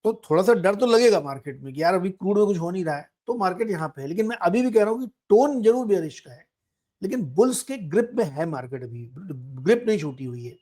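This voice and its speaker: A man's voice: sits high, expressive, fast, a little mellow. A man hosting a stock market show, giving daily market commentary in a conversational way and talking the viewer through the charts.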